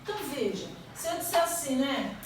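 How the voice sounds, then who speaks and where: A Brazilian woman, her voice sitting high, teaches grammar briskly and expressively, quizzing the class with rising questions in a Brazilian Portuguese accent. The recording is from a distant mic in an echoey, noisy room.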